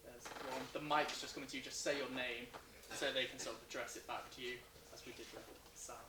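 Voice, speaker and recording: Brisk male moderator in an echoey hall. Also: mid-range voice, fairly even intonation. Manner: brisk, keeps things moving. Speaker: panel moderator. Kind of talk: moderating a panel discussion. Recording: echoey hall, far from the mic, noise.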